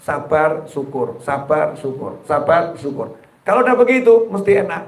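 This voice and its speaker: Pendakwah pria bersuara agak tinggi bergema. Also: male voice, on the high side, sing-song, moderate pace. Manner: joking, folksy, acts out little dialogues. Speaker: preacher. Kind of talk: religious sermon to a live congregation. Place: gathering hall with audience. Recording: echoey hall sound.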